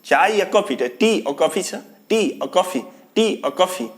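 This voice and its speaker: A man's voice: high voice, expressive, unhurried. A young man teaching spoken English in a video lesson, drilling phrases by repeating them and chuckling often. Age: young adult.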